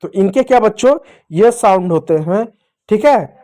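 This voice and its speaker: A man teaches English phonics to children, patiently posing questions to the class and answering them. His voice sits high and sounds mellow and animated, at a normal speed.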